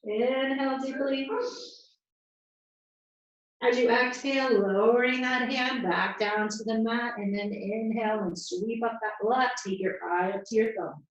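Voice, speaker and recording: A woman leading a yoga class, giving calm, encouraging cues and counting breaths, a little out of breath as she moves. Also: fairly high pitch, unhurried. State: slightly out of breath. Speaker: yoga instructor. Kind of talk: guided yoga class instruction. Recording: distant, echoey, muffled room sound.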